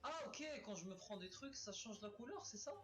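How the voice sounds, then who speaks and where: A man giving excited gameplay commentary as a let's player, exclaiming and swearing at enemies, recorded on a webcam's built-in microphone. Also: high-pitched, fairly quick. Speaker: let's play gamer.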